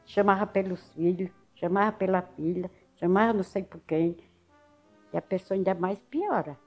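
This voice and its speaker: A woman's voice: fairly low pitch, moderate pace, muffled recording, soft background music. An older woman with a Northeastern Brazilian accent from Alagoas, telling her story in a casual interview and acting out what others said. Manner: lively storyteller who acts out other people's words.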